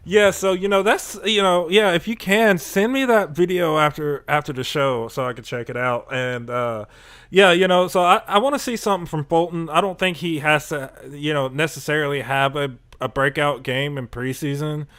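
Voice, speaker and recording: A man hosting a casual sports podcast. His voice sits a little on the high side. He gets animated and fired up as he talks, and he laughs often. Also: moderate pace. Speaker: podcast host.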